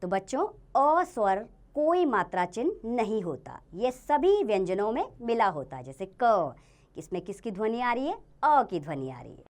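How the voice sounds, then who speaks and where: A woman teacher giving a grammar lesson to young children, sounding out letters and words slowly and asking them questions she then answers herself. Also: on the high side, big pitch swings, a little mellow. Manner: slow, sounding out each letter and word.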